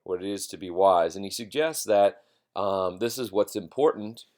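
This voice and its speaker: A man giving an informal philosophy lecture in a halting, reflective way, repeating phrases for emphasis. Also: sits low, darkish tone.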